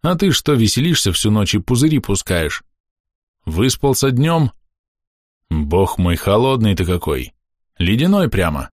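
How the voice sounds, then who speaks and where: A man playing a burly peasant father who is gruff but mild and tired. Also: lowish voice, very animated, unhurried, no echo, studio quality.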